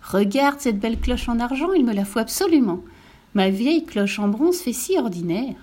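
A woman voicing an excitable, fussy female cow in a children's storybook, with high exclaiming lines. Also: normal speed. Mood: eager. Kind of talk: storybook reading.

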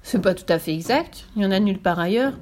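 A woman voicing a bold, cheeky little girl who boasts loudly and teases, in a children's storybook reading. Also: medium pitch, quick pace, a little hiss or hum, close to an everyday voice. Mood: boastful. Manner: lively, teasing, loud.

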